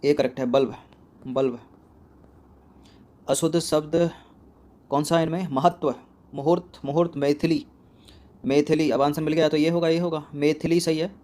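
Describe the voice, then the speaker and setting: A man's voice: a little high, steady tone, moderate pace, long pauses, darkish tone. Man quizzing students on Hindi spelling. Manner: repeats each word, asks and answers his own questions. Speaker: exam coaching teacher. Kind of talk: spelling quiz lesson.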